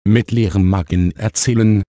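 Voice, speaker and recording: A man's voice: lowish voice, steady tone, normal speed, mellow, no echo, lightly acted. A man voicing a tired, stubborn young witch who sighs and grumbles, in a children's audiobook. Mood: weary. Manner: sighing, grumbling.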